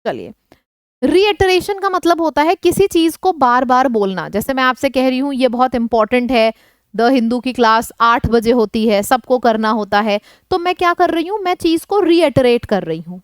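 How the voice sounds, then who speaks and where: Female tutor, Hindi native, bright high smooth voice, patient vocabulary drill with frequent check-ins. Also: moderate pace, dry recording. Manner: explains words in mixed Hindi and English, checks in often. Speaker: teacher. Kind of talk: online vocabulary lesson.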